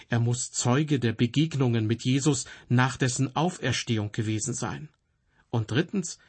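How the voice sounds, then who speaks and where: Husky man giving earnest Bible teaching. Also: medium pitch.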